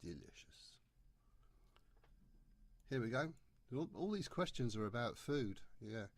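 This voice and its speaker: A man's voice: medium pitch, expressive, moderate pace. A man talking through a maths exam paper step by step, chatty and jokey. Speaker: maths tutor. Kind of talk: exam paper walkthrough lesson.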